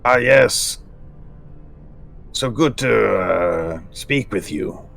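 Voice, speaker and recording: Man as a frail tired vampire, heavy fry, sharp edge, hesitant, plaintive, nervous, tabletop game. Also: fairly low pitch, lively intonation, extremely slow, no echo, faint music behind, exaggerated voice. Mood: weary, timid. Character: frail, weary, nervous male vampire on speakerphone.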